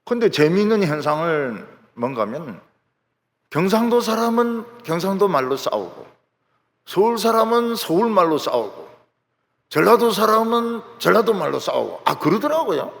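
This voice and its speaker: A man's voice: high voice, normal speed, gravelly. A male pastor, preaching a sermon and acting out the people in his stories. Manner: animated storytelling, acting out quotes. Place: large church sanctuary. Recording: long hall reverb.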